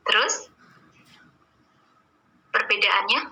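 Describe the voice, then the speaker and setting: Bright husky woman teacher. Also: medium pitch, poor audio. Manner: patient, explains each example slowly and checks questions. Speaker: English teacher. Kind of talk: online class explaining grammar, mixing Indonesian and English. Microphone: video call or computer mic.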